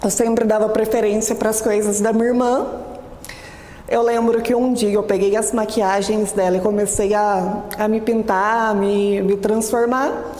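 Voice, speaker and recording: A woman in her twenties with a Brazilian accent, calmly telling her personal story. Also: mid-range voice, unhurried. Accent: Brazilian Portuguese. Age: 20s. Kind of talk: personal testimony. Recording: echoey room with long reverb.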